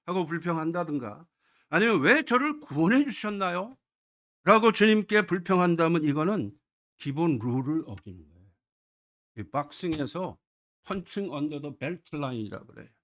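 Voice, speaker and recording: A male pastor preaching a sermon in church. He asks the congregation questions and answers them himself, reads scripture aloud in a raised, slowed voice, and drops English words into his talk. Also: a little high, animated, a bit bright.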